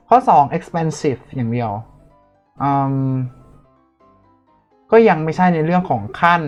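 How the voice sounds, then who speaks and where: A man teaching an online lesson, unhurried and playful, stopping to fix his own slips. His pace is slow and drawn out. The audio is dull and lo-fi, with faint music underneath. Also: fairly high pitch. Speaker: tutor.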